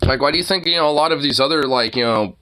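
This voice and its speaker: A man giving casual, off-the-cuff streamer commentary, rambling and halting, with plenty of loose swearing. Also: fairly high pitch, pushed and bright.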